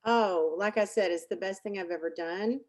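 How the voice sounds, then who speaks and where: A chatty American woman being interviewed, speaking at an ordinary mid pitch. She is self-deprecating and stops and restarts her sentences often, filling gaps with ums. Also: normal speed. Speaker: guest business owner. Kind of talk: casual interview chat.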